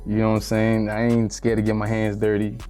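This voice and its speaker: Laid-back young man, flat and low. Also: a little fast, faint music behind. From Miami, Florida. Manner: laid-back street slang, lots of "you feel me". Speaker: rapper, interview guest. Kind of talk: casual interview.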